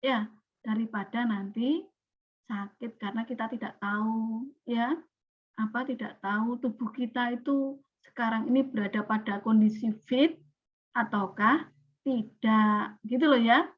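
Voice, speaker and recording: A woman teaches a class in a lively way, checking in with her students as she goes. Her voice sits high. The recording sounds dull and lo-fi. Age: 40s. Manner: lively, questioning students often. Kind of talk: classroom lecture.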